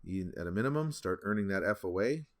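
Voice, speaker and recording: A man's voice: low voice, expressive, fast talker. A man hosting a casual explainer video, talking in a loose, rambling way with frequent fillers and restarts. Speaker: video host.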